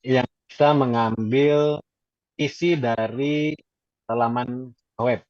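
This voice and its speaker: A man's voice: mid-range voice, steady tone, takes it slowly, darkish tone, dry recording, dull audio. Webinar speaker, man, hesitant, audio cutting out and glitching over a dry call line. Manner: hesitant, many filler sounds. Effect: choppy, breaking-up video call audio. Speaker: webinar speaker answering questions. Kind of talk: online webinar Q&A. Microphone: video call.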